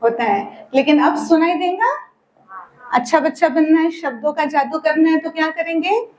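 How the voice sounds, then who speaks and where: At a children's summer camp, a spiritual teacher with a high, darkish-toned voice leads a lesson and tells the kids a story. She fires off quick questions and waits for their answers, stretching out key words in a sing-song way. The recording sounds lo-fi.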